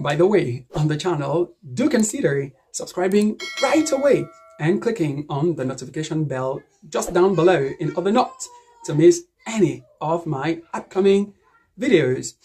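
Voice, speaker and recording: A woman with a husky, mellow voice teaches an English lesson online. Her pitch swings widely as she stresses and repeats key words to drill them. The delivery stays emphatic throughout. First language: French.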